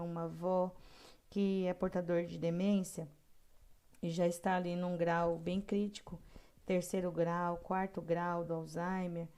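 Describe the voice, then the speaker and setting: A middle-aged woman lectures to caregivers in an earnest, steady way, pausing often to search for words. Her voice is mellow and rounded. She leans hard on the points she cares about. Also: lowish voice, smooth. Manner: earnest, frequent hesitations, emphatic on key points. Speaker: caregiver course instructor. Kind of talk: lecture reading guidelines with asides.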